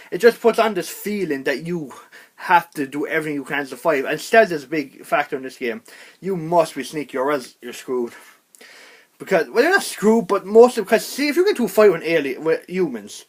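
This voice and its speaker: A young man giving a casual spoken video game review, rambling and animated, with frequent restarts. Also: on the high side.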